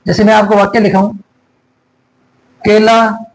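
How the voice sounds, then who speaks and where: Man, teacher, high voice, unhurried dictation, repeats each word. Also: animated, low-quality recording. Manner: slow, repeats and dictates words for writing. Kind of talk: exam-prep grammar lesson.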